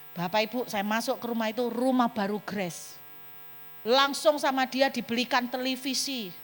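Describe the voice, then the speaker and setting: A woman pastor, telling a personal story in a sermon to her congregation. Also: a little high. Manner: storytelling, animated, addresses congregation directly. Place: church hall. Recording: long hall reverb, mains hum.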